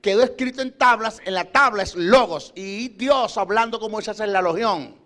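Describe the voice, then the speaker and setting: A middle-aged male preacher with a high-pitched voice. He teaches scripture in an emphatic way and piles up repeated phrases as he urges his listeners on. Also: normal speed, a bit bright. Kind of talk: sermon teaching.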